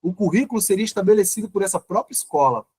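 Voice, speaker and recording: A male teacher giving a live online lecture, explaining step by step with frequent restarts and pauses. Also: high-pitched, expressive, darkish tone, slightly rough, no room sound.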